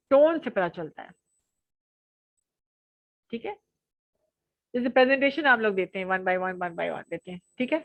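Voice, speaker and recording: A young adult woman giving an online college lecture, lively and often laughing as she acts out examples with her voice. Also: a little high, dry recording.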